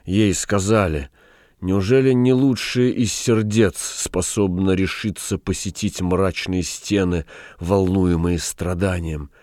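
A man reading a storybook voices a delirious prisoner condemned to die, speaking slowly and softly. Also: low-pitched, steady tone, no echo, clean studio sound. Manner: slow, dreamy and hushed. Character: condemned young man, feverish, delirious, tender.

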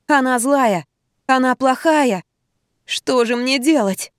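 A woman's voice: high voice, slow, no room sound, clean studio sound, pitched above the performer's own voice. A woman doing a timid, pleading female friend. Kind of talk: audiobook character reading.

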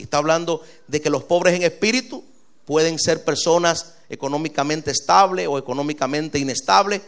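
A male pastor, preaching a sermon with lively, rising delivery and quick asides. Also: on the high side.

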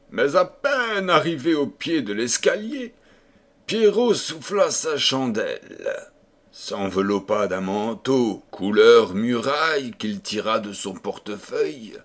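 A man reading a fairy tale aloud as an audiobook narrator in a measured storytelling manner. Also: medium pitch. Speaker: audiobook reader. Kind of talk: scripted narration.

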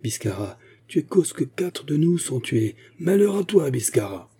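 A man's voice: medium pitch, moderate pace, dark tone, slightly rough. A man voicing a mortally wounded young male guardsman who rages and accuses. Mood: furious. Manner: raging and accusing.

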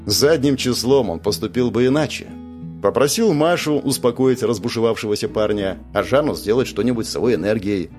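A man narrating an audiobook and voicing the characters in a lively way. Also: brisk, faint music behind. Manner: lively, shifts pitch for characters.

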